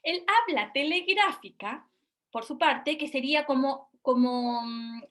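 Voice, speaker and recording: A woman's voice: high-pitched, fairly bright tone. A woman giving a recorded university lecture, explaining step by step and checking in with her students. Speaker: university lecturer in speech therapy.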